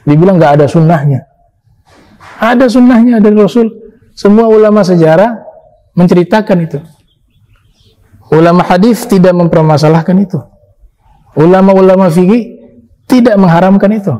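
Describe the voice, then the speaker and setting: A man giving a sermon, explaining points patiently and reciting Arabic phrases slowly. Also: sits high, mellow. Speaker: preacher. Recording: long hall reverb.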